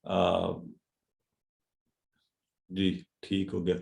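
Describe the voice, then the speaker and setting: A man's voice: deep voice, completely flat delivery, gravelly, a little mellow. Encouraging man teaching an online class. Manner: encouraging, mixes in English words. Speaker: Arabic grammar teacher. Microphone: video call.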